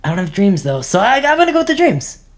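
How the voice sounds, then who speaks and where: A woman's voice: medium pitch, very animated, fast, lightly acted. A woman playing a laid-back male cyborg surfer who stammers and drawls. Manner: stammering, mellow surfer talk.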